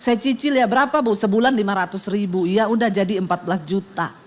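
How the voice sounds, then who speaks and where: A woman's voice: mid-range voice, quick pace. A middle-aged woman pastor, telling a funny story in a sermon and acting out the sounds and voices in it. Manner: animated and humorous, acts out sounds and dialogue.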